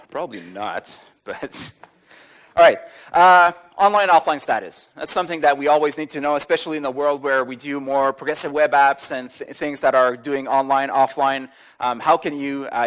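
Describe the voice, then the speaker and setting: A man's voice: medium pitch, fairly bright tone. Casual chuckling tech conference speaker, man. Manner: casual, many fillers, chuckles between points. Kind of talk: live tech conference talk with demos. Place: conference hall with audience.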